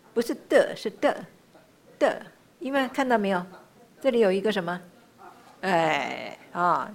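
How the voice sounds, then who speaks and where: Woman patiently drilling chant syllables. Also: mid-range voice. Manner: slowly drills syllables one by one, then explains briskly; patient, repeats sounds many times. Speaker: mantra pronunciation teacher. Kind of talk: pronunciation lesson.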